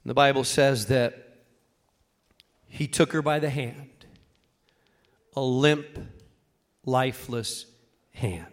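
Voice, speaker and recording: Preaching in a mid-range voice, this pastor breaks his sermon into short, heavy phrases, pausing dramatically and repeating key points with emphasis.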